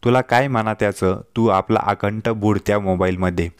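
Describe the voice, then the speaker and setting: A man's voice: lowish voice, fairly even intonation, moderate pace, clear, resonant tone, no echo, studio quality, natural voice. A man voicing an affectionate, teasing young wife in a told story, playful and pleading by turns. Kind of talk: storytelling dialogue.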